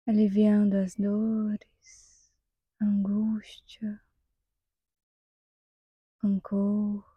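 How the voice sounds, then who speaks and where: Calm and soothing, a Brazilian woman leads a guided meditation in a breathy, soft half-whisper at medium pitch, pausing at long, measured intervals. The recording is muffled, without echo.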